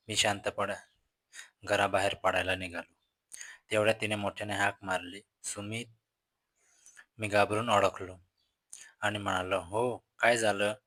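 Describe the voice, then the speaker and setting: A man narrating a first-person story in a steady, monotone reading. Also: fairly low pitch, dry recording, poor audio. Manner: flat, monotone reading with small restarts.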